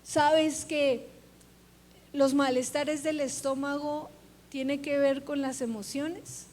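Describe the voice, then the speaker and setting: A woman preaches a sermon in a church, her high voice carrying a long reverb through the hall. She speaks slowly and earnestly, asking her listeners questions directly as she builds her point. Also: steady tone, darkish tone, a little hiss or hum. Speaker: pastor. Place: church sanctuary.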